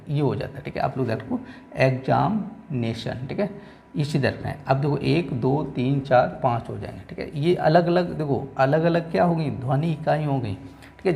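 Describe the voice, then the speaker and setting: Gravelly guy teacher going over exam questions, keeps repeating answers. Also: medium pitch, a little mellow. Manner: repeats answers with "ठीक है", reads questions slowly. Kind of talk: exam-prep lesson. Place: coaching classroom.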